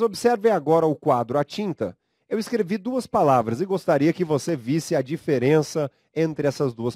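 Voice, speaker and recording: A Brazilian man lectures on grammar in a measured, unhurried way, stretching out syllables for emphasis. His fairly high voice swings widely in pitch as he coaxes students along. The recording is dry and close, with no room sound. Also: warm tone, dry recording. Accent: Brazilian Portuguese. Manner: slow, emphatic, drawn-out syllables; addresses students directly, coaxing them to read aloud. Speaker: teacher.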